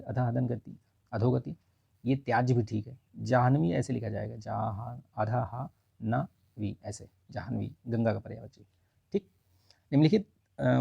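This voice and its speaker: Male tutor, husky and gravelly, casual and explanatory, dry close recording. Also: medium pitch, mellow, no room sound. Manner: explains answer by answer, says 'ठीक है' often. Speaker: Hindi exam tutor. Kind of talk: casual spoken lesson.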